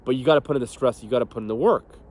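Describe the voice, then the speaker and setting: A man's voice: medium pitch, racing, darkish tone. Blunt, profane young man coaching fitness. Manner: blunt, profane, laughs often. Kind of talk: casual motivational talk.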